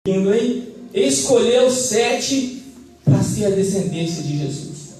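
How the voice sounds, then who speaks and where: A man's voice: high-pitched, dark tone. A man with a Brazilian Portuguese accent preaching a fervent sermon and calling for amens from the congregation. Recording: echoey church hall, mic at a distance.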